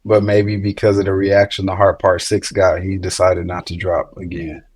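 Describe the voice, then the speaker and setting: A man's voice: low-pitched, monotone, moderate pace, a little mellow, dry recording. A man in casual hip hop chat, laid-back, asking his friends questions. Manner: laid-back, asks questions, laughs often. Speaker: podcast co-host.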